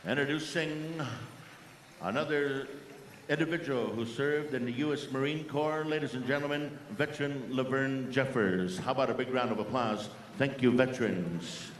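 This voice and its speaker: Guy emceeing a powwow, medium pitch, measured announcing, echoey. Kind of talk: ceremonial event announcing. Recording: echoey sound system, faint background noise.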